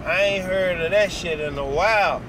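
A middle-aged American vlogger with a high-pitched voice at a moderate pace gives a blunt, casual, sweary opinion monologue into his phone held at arm's length, inside a parked or moving vehicle cab. The phone recording picks up clear vehicle noise, with car and air-conditioning hum behind him.

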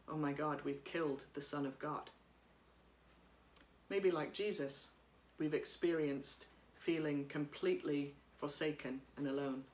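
A woman priest giving a sermon at home, speaking in a gentle, reflective way while reading from notes, recorded by a camera across a room. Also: low voice, fairly even intonation, measured pace, echoey room. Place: living room by a bright window.

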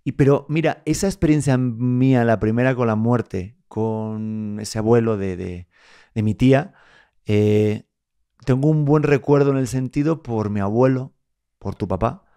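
A man hosting a podcast and chatting casually, an emotional, jokey and animated storyteller. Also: mid-range voice, measured pace, clear, resonant tone. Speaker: podcast host. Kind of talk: casual chat.

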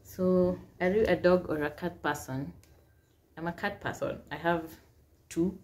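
A young Kenyan YouTuber in her twenties, with a Kenyan accent, sits at a plain wall in a small indoor room for a casual Q&A vlog. Chatty, she reads get-to-know-me questions aloud and answers them, mixing in Swahili phrases. Her voice is on the low side, a little mellow, with a steady tone and measured pace.

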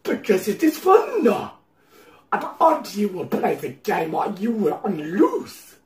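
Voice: mid-range voice, wildly swooping pitch, a little slow, darkish tone. A performer voicing a gloating, theatrical villain showman in a fan audio drama. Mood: taunting. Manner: gloating, theatrical, wildly swooping delivery. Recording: roomy, distant home mic.

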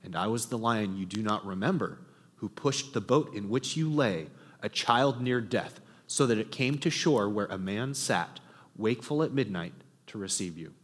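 A man voicing a vast, gentle, ancient male lion, reading in a slow, low, hushed and solemn way, with a long reverb in a big room. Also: expressive.

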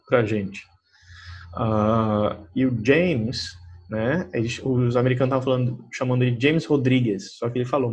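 Husky-voiced Brazilian man teaching English. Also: medium pitch. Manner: chatty, many fillers like "né" and "tá"; slows right down to read English example sentences. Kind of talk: recorded school lesson.

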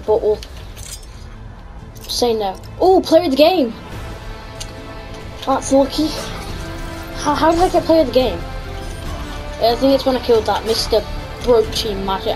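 Girl doing casual gaming commentary, really high voice, chatty, music behind her. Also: moderate pace, pauses often, low-quality recording. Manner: chatty, reacts aloud to the game. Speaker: gaming video host. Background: background music.

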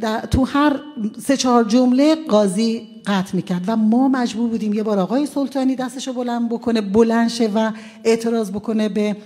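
A woman defense lawyer from Iran recounts courtroom events for a press conference. Her voice sits a little high but sounds mellow and warm. She talks conversationally, often pausing on hesitant fillers as she goes.

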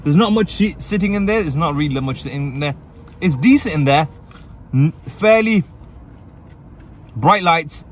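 A man's voice: on the high side, lively intonation, moderate pace, pauses often. Man, food vlog host, chatty, munching on camera in a car, light road hum behind. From England. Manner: upbeat, chatty, talks while eating. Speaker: food reviewer and channel host. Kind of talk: casual food review vlog. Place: inside a parked car.

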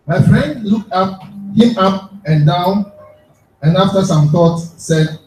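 A man reading a short excerpt aloud at a live book reading, then introducing the writer, in a measured, deliberate way. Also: sits high, darkish tone. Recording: echoey room, distant mic, faint noise.

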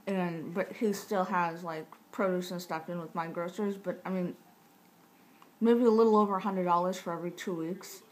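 A woman's voice: fairly low pitch, steady tone, moderate pace, poor audio. Tight-jawed woman vlogging over room noise. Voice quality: tight-jawed speech from recent jaw surgery. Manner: rambling, matter-of-fact, self-interrupting. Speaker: vlogger sharing surgery recovery tips. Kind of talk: casual chat to camera. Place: small living room, indoors. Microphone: camera mic at about arm's length. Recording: clear background room noise.

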